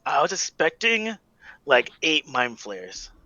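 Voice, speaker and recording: A man's voice: a little high, sing-song, slow pace, pushed and bright, no room sound. A man playing in a tabletop game, talking casually and a bit hesitantly. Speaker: player. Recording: dull dry lo-fi mic.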